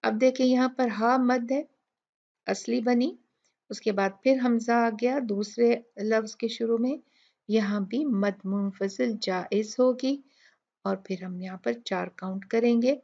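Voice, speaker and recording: A woman teaching a Quran recitation lesson. She explains each letter methodically and models slow recitation. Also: fairly high pitch, steady tone, dark tone. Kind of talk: tajweed tutorial. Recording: dull lo-fi recording.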